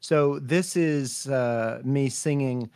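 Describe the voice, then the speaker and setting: A man co-hosting a casual livestream, explaining slowly and thinking aloud. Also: medium pitch, darkish tone, clear, resonant tone, no echo, clean studio sound. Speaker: co-host. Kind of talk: casual livestream workshop chat.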